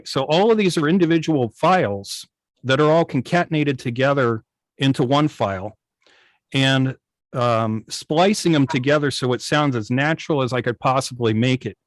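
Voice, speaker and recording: A guest radio station operator and programmer explains technical matters casually during an online club meeting over a video call mic. His medium-pitched voice has no room sound, and he hesitates and repeats himself frequently.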